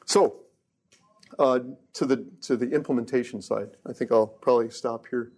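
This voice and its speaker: A man's voice: mid-range voice, moderate pace, darkish tone, husky. Joking, casual male tech lecturer. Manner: casual, joking asides, frequent restarts. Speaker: research engineer giving a lecture. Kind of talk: technical lecture.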